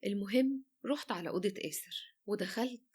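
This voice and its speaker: A woman with an Egyptian accent narrating a first-person romance story in a lively, chatty way. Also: mid-range voice, brisk, breathy edge.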